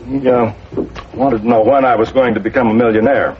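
A middle-aged man with an American accent playing a patient, gently wry suburban father in a 1950s family sitcom. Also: mid-range voice, fairly even intonation, fairly quick, natural voice. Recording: dull, noisy old TV soundtrack.

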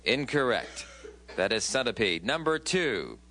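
Bright, upbeat male game show host. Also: mid-range voice, sing-song, measured pace. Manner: addresses contestants directly with questions and announcements. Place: television studio game show set.

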